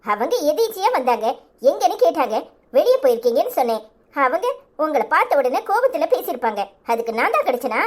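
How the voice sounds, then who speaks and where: A performer voicing a fed-up young wife in a cartoon comedy, speaking with a Tirunelveli Tamil accent. She scolds hard in a high voice that rises and falls a lot. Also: big pitch swings, quick pace. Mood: indignant. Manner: scolding, indignant.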